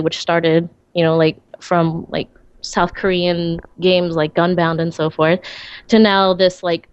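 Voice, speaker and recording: A woman's voice: on the low side, clear, resonant tone, no room sound. A woman calling into a radio show, chatting casually with a giggle and lots of fillers. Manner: giggly, rambling with many fillers. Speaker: caller. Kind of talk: casual chat on a phone-in. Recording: dull lo-fi call line.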